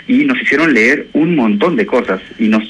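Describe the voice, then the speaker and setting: A man's voice: medium pitch, animated, normal speed, a bit bright, slightly rough, poor audio. A man from Chile, an education professor speaking as a guest in a radio interview, thoughtful and hesitant, with many fillers. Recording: radio broadcast with faint noise.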